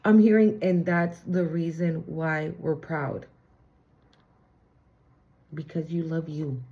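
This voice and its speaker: A woman's voice: low voice, fairly even intonation, takes it slowly, a little hiss or hum. A woman giving a casual tarot reading, chatty, blunt and sassy, with frequent swearing. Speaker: tarot reader. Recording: slightly muffled lo-fi recording.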